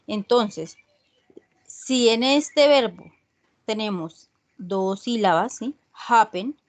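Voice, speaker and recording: A woman teaching an online English class, explaining rules slowly and checking in with her students often. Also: a little high. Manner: slow, repeats "¿sí?" checks with students. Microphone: video call.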